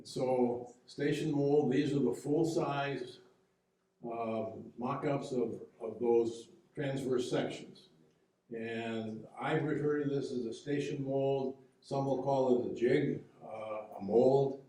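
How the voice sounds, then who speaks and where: A boat builder presenting a local history talk walks an audience through boat-building slides. He explains each step patiently but haltingly, with fillers and frequent restarts, in a mellow, relaxed voice. The distant mic places him far back in a boomy, echoey room.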